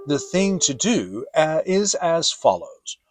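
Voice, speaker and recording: A man's voice: on the high side, very animated, faint music behind, voice pushed up. A man voicing a pompous, long-winded owl in a storybook, with emphatic, lecturing delivery. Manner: emphatic, lecturing, drawn-out words.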